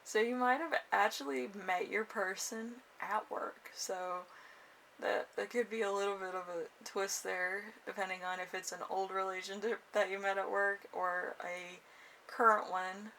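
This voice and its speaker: A woman's voice: medium pitch, fairly even intonation, measured pace, sharp tone. A woman giving a casual, improvised tarot horoscope reading, rambling and hesitant as she goes. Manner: rambling and hesitant, trailing off with frequent chuckles. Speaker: tarot card reader and channel host. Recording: noisy room, distant microphone.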